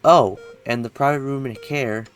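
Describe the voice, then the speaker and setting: A man voicing a brisk female hospital doctor in a game, reading her lines in a matter-of-fact way. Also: mid-range voice, soft background music, natural voice.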